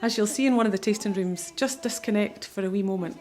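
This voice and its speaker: A woman's voice: medium pitch, fast, darkish tone. A woman with a northeast Scottish accent, giving an informal guided tour. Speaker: distillery owner and tour guide.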